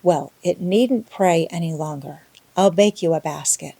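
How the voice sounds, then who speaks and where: A woman's voice: lowish voice, unhurried, vocal fry, warm tone, dry recording. A woman voicing a stern, practical middle-aged farm woman in an audiobook, brusque and no-nonsense. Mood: brisk. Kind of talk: audiobook character voice.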